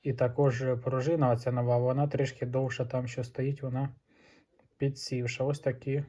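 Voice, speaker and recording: A man's voice: mid-range voice, level tone, moderate pace, dark tone, dry recording. A man with a Ukrainian accent in a casual hands-on vlog, matter-of-factly testing an air pistol and reading out numbers. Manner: matter-of-fact, reads out chronograph numbers. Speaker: airgun vlogger. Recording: distant mic with noisy background.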